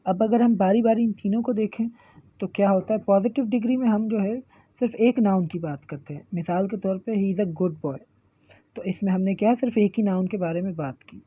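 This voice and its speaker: Woman teaching grammar, dark husky voice. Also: mid-range voice, no echo, lo-fi sound. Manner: patient, repeats and spells out examples slowly. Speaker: English teacher. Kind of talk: classroom grammar lecture.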